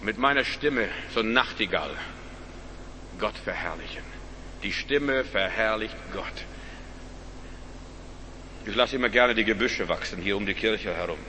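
Bright-voiced preacher in an echoing church. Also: male voice, a little slow, pauses often, a little hiss or hum. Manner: emphatic preaching, swinging between loud rising calls and quiet low asides. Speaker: pastor. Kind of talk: sermon.

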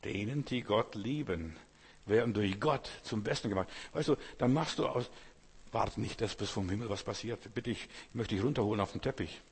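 A man's voice: on the low side, normal speed, husky. A man preaching a sermon, speaking directly to the listener with emphatic repetition. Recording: long hall reverb.

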